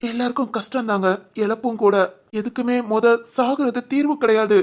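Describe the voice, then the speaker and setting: A woman voicing an earnest young husband, high. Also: normal speed, darkish tone, natural voice. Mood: pleading. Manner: earnest, pleading, reassuring. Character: young husband, gentle and pleading. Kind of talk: dubbed cartoon drama.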